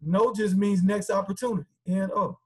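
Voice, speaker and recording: A man's voice: high voice, fairly even intonation, normal speed, dark tone, breathy edge. A man guest speaker on a podcast, talking earnestly and casually with many fillers and repeats. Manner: earnest, repetitive, conversational with filler words.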